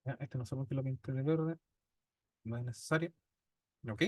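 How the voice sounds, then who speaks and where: Recorded cleanly in a studio with no echo, this Chilean man speaks at medium pitch and normal speed with a darkish tone. He is teaching a statistics class, explaining step by step and patiently asking "¿ya?" again and again.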